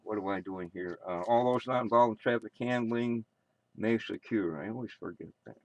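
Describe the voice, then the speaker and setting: A man's voice: lowish voice, normal speed, no room sound. A man with an American accent acting as amateur radio net controller, making casual announcements with rambling, muttered asides.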